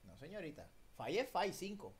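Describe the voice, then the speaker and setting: Profesor animado con acento latinoamericano. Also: male voice, high-pitched, normal speed. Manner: lively, drills pronunciation, mixes Spanish and English. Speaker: English teacher. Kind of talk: online class. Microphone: video call.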